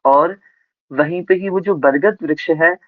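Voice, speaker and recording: A man's voice: a little high, measured pace, no echo. A man giving a devotional discourse as a spiritual speaker, telling a scriptural story and asking his listeners rhetorical questions. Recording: tinny phone-like sound, dry.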